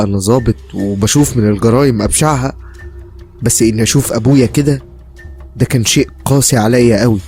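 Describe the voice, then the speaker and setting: A man's voice: medium pitch, darkish tone. A man with an Egyptian accent narrating a dramatic first-person crime story.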